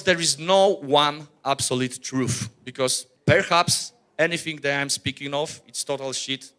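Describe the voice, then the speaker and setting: Bright-voiced man giving a talk. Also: on the high side, clean tone. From Poland. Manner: earnest, blunt, with many "uh" fillers and restarts. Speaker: workshop presenter, rock musician. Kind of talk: workshop presentation.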